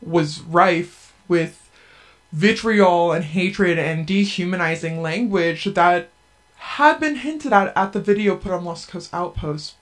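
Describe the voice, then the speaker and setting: Electronically disguised voice, anonymous radio guest, earnest, measured, mid pitch. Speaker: anonymous guest, group member. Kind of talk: radio interview.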